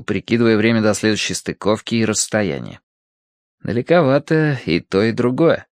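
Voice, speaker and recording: A man narrating a novel as an audiobook in an even, measured way. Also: medium pitch, no echo, studio quality.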